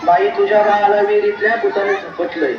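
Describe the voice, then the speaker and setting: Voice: medium pitch, level tone, fairly quick, natural voice. A child on a school stage playing a greedy village exorcist who declaims his orders. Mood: commanding. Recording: echoey hall, far, dull, noisy crowd.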